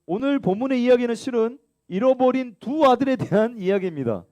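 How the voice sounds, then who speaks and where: A children's pastor preaches a sermon to kids in a church sanctuary, leading them in call-and-response reading aloud. His delivery is lively and fairly quick, and he mimics the elder son's complaints in a high, whiny voice. The audio sounds dull.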